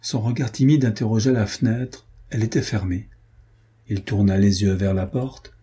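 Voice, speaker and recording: A man reads an adventure novel aloud in a measured, even manner. His voice is low-pitched, dark and mellow, with a strong breathy huskiness throughout. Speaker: narrator. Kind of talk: audiobook narration.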